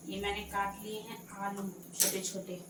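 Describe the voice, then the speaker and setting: A woman's voice: medium pitch, flat delivery, normal speed, very noisy. A woman in her thirties narrating a casual cooking vlog from her home kitchen, chatty and scolding her children in between. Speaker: cooking vlogger and mother.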